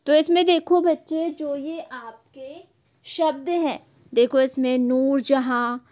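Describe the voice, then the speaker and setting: A woman teaching a Hindi lesson to young children. Her voice sits high, and she talks very slowly. She breaks words into syllables and repeats them patiently. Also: fairly even intonation, darkish tone.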